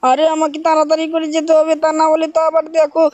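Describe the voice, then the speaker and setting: A woman giving voice to a clumsy cartoon robot cat who keeps pleading and apologizing. The voice is very high and quick, with little rise and fall, and sounds close and dry. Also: completely flat delivery, a little mellow, no echo, close to an everyday voice. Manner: pleading and chatty, addresses viewers. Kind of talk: game voice role-play.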